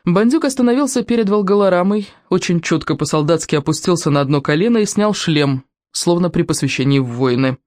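A woman narrating a children's fantasy audiobook in an expressive storytelling manner. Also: on the low side, brisk, few pauses, no room sound, clean studio sound.

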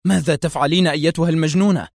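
A man's voice: medium pitch, steady tone, brisk, dry recording, studio quality, lightly acted. A man reading aloud and voicing a tense, alarmed male doctor who exclaims in agitation.

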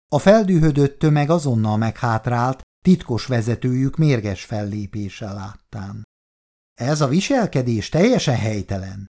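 A man reads audiobook narration from a script in a mid-range voice. The delivery is consistent, measured and steady.

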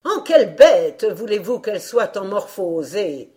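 A woman voicing an old fairy in a storybook reading, speaking slowly and loudly in grave pronouncements. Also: medium pitch, very animated. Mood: solemn. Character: old fairy, powerful and solemn.

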